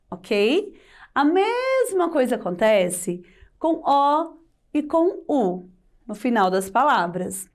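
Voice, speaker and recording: A Brazilian woman teaching Portuguese in a video lesson for children, explaining slowly and patiently and checking in with rhetorical questions. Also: on the high side, darkish tone.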